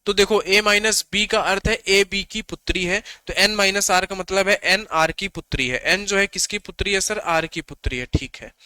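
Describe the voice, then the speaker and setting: A young adult man teaching an exam-prep reasoning class in a high, bright voice. He poses questions and answers them himself, repeating each step. The sound is clean and dry, close to the mic. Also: smooth, no echo. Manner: repetitive, asks and answers his own questions; coaxing.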